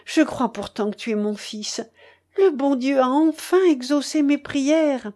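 A woman's voice: a little slow, darkish tone. A woman playing a frail, tearful old mother. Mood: overjoyed. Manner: pleading, emotional, higher voice. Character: poor worn-out old mother, tearful and tender. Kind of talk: audiobook character reading.

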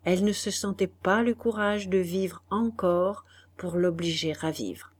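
A woman narrating a literary audiobook in a measured, calm storytelling voice. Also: fairly low pitch.

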